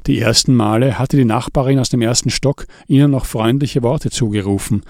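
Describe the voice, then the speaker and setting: A man narrating an audiobook in a calm, measured way. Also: mid-range voice, no room sound, clean studio sound.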